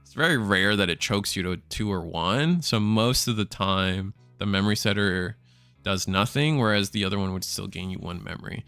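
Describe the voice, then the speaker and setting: A man casting a card game tournament live, thinking out loud and correcting himself as he talks. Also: lowish voice, moderate pace, clear, resonant tone, no room sound, soft background music. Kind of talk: live play-by-play commentary.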